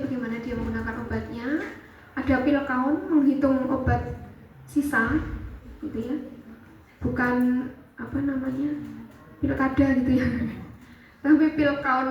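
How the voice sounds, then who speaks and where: A woman's voice: sits high, a little hiss or hum. A middle-aged woman, explaining a university lecture and often adding little filler tags. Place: lecture room. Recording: far-off echoey, dull classroom recording.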